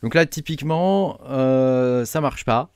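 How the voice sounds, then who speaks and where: A man talking through a software setup tutorial, hesitant with many fillers as he clicks along. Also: mid-range voice, slow pace, smooth, no echo, clean studio sound. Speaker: crypto mining tutorial host. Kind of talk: casual screen-recorded tutorial.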